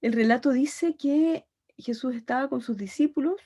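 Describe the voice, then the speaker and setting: A woman's voice: high-pitched, moderate pace, dark tone. A woman teaching a pastoral Bible course, retelling gospel scenes with dramatic storytelling.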